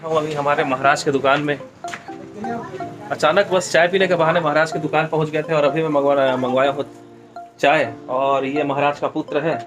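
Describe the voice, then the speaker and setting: A man's voice: on the high side, steady tone, normal speed, over music. A man vlogging casually outdoors at a village tea stall, chatting and teasing people around him. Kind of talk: casual vlog chat.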